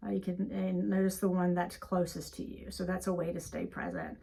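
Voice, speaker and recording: A woman therapist with a creaky voice talks listeners through a calm grounding exercise in an informal, unscripted way, recorded in an office. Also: on the low side, fairly quick. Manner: conversational, unscripted, filler-heavy. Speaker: therapist teaching a mindfulness exercise. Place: office, indoors.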